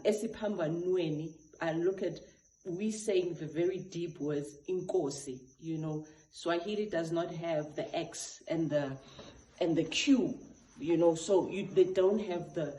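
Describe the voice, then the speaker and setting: A man's voice: on the high side, dark tone. A South African gospel artist, a man, talking earnestly with many restarts and asides. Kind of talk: reflective talk to camera. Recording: echoey room with faint noise.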